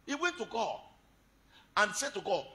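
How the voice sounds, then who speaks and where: A man preaching a sermon as pastor of a church, with a Nigerian accent, swinging from shouted peaks to hushed, quiet lines. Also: high-pitched, very animated, moderate pace, slight background noise.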